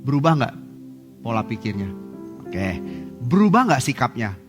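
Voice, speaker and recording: A man preaching a sermon as pastor, lively and humorous, acting out quotes. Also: mid-range voice, moderate pace. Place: church hall. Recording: church service with hall reverb and faint music.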